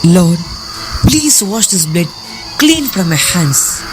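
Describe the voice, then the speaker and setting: A woman's voice: on the low side, very animated, slow, over music. A woman acting a fearful, commanding usurper king in an amateur stage drama. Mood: guilty, shaken.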